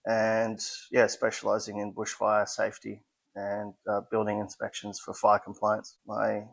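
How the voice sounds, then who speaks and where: A man's voice: lowish voice, completely flat delivery, a little slow, vocal fry. A man in his forties with an Australian accent, a modest interview guest who explains things plainly with some hesitant restarts. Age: 40s. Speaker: guest, fire safety specialist. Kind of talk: casual interview chat.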